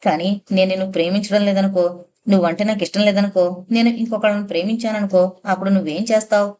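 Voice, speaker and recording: A woman's voice: medium pitch, steady tone, fast, warm tone, slight background noise, natural voice. A woman narrator voicing an earnest, innocent young girl who asks questions in a pleading way in an audiobook. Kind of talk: audiobook character reading.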